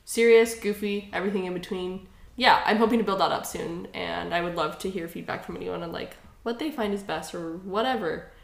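A woman's voice: fairly low pitch, brisk, gravelly. A woman hosting a podcast in casual chat, talking freely and laughing often. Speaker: podcast host. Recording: roomy echoey room.

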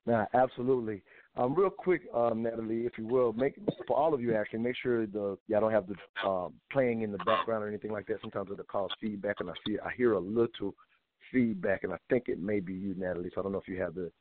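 A man's voice: lowish voice, fast, crowd noise. A man hosting a call-in talk show, introducing guests and rambling through restarted phrases. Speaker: show host. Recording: tinny phone line.

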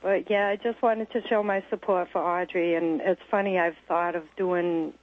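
A woman's voice: lowish voice, steady tone, moderate pace. A woman calling in to a talk show, chatty and supportive, heard over a clipped phone line. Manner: warm, chatty and supportive, laughs easily. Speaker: caller. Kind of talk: casual call-in chat.

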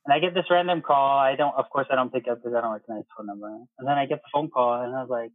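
Over a muffled, phone-like connection, this thirty-something air traffic controller is an interview guest recounting his own experiences casually, quoting back what was said. His mid-range voice comes rapid-fire on a dry recording.

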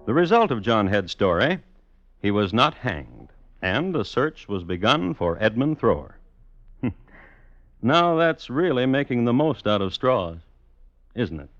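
A man's voice: medium pitch, very animated, measured pace, pauses often, fairly bright tone, no room sound. Wry male radio narrator. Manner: dry and wry. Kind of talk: scripted narration. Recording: dull old radio recording with music.

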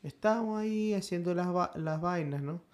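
A man with an Ecuadorian accent chats casually on a podcast. He tells his stories at an easy, relaxed pace. He often caps his phrases with a slangy tag word. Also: sits high, moderate pace. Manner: relaxed storyteller who tags phrases with "loco". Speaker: podcast co-host. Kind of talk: casual chat.

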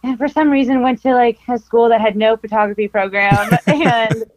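A woman's voice: on the high side, fairly even intonation, normal speed, darkish tone, dry recording, low-quality recording. A woman in her twenties from California, a film photographer chatting in a casual interview, laughing often and filling with likes and ums. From Costa Mesa, California. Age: 20s. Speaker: podcast guest, film photographer.

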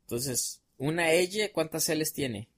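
A man's voice: a little high, animated, slow. A young adult man with a Mexican accent, a podcast guest telling stories in a casual, rambling, slang-heavy way with many fillers. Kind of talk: casual storytelling chat.

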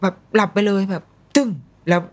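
With a mid-range voice and a brisk pace, a woman shares parenting advice through stories in a casual storytelling chat. She speaks bluntly and colloquially, performing the voices of the people she quotes.

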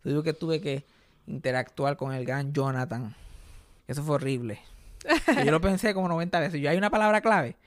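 Puerto rican comedian guy chatting on his podcast, quick and lively, acts out voices, dead dry mic. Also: a little high, dry recording. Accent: Puerto Rican Spanish. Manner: animated storyteller, mixes English words into Spanish, acts out quoted voices. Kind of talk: casual podcast chat.

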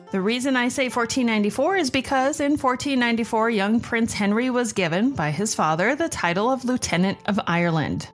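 A woman hosting a podcast, reading scripted narration. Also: mid-range voice. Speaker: podcast host.

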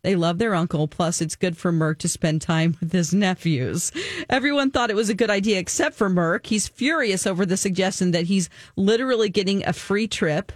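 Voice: mid-range voice, moderate pace, dry recording, studio quality. A radio co-host reading a listener's story aloud, then chatting with a wry, casual manner.

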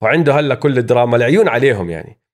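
A man's voice: medium pitch, expressive, racing. A man with a Levantine Arabic accent hosting casual sports commentary, dropping English terms into his speech. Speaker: sports show host. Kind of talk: casual basketball news commentary.

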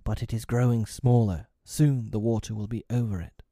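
A man's voice: fairly low pitch, fairly even intonation, moderate pace, warm tone, no echo, studio quality. A man voicing a proud, daring young boy hero in a storybook reading, earnest and boyish. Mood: grave.

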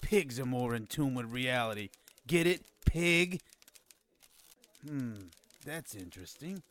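A man's voice: mid-range voice, expressive, takes it slowly, fairly bright tone. An actor playing a cocky, mocking wise guy in an audio drama, sardonic and taunting in the way he talks.

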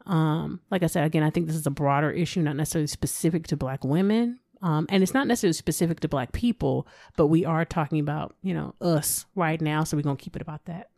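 A woman co-hosting a psychology podcast, talking in a relaxed, conversational way and laughing now and then. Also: sits low, quick pace, vocal fry, few pauses, no echo, studio quality. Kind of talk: casual podcast discussion.

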